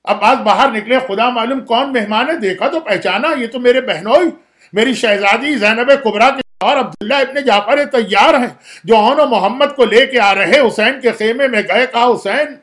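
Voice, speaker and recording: A man's voice: very high voice, a bit bright. A man preaching a mourning sermon as an impassioned, dramatic storyteller.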